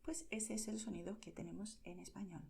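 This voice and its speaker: A woman from Spain with a Spain Spanish accent, teaching pronunciation to learners slowly and clearly, often checking in with "¿vale?". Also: mid-range voice, fairly even intonation, very noisy. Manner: slow, clear, over-articulated, checks in with "¿vale?".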